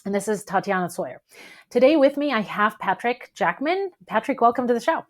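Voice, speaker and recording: A woman's voice: a little high, sing-song, brisk. A woman hosting a podcast interview, upbeat and encouraging, who often answers her guest with "awesome.". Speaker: podcast host.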